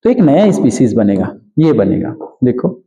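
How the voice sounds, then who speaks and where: A man gives an exam-prep chemistry lecture in a medium-pitched, dark-toned voice, very animated, though the audio is poor. He asks questions and answers them himself, repeats key terms, and slowly stretches out important words.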